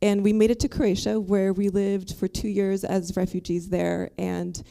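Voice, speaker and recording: A woman's voice: mid-range voice, level tone, normal speed, vocal fry, warm tone. A woman in her thirties from Bosnia, a panel guest telling her personal faith story in an earnest, slightly nervous way. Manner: earnest, a bit nervous, with ums. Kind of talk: personal testimony.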